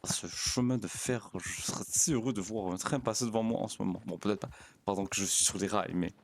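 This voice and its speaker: A man's voice: fairly low pitch, a little fast, vocal fry, slight background noise. A man playing a naive, polite young frontier pastor in an in-character roleplay. He talks to his horse in a formal, fussy way and often stammers and repeats words. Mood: chatty. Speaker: roleplay player.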